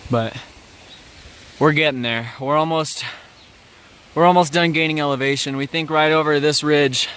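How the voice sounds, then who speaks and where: A man casually narrating a rainy mountain hike outdoors, relaxed and chatty with a few fillers. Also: a little high, moderate pace, slight background noise. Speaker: hiking vlogger.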